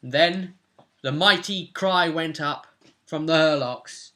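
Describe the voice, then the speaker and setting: This game master, a man in his twenties, takes his time recounting a tabletop role-play session with dramatic flair. His voice sits a little high with a sharp edge, and he speaks casually from a small, furnished room indoors at home.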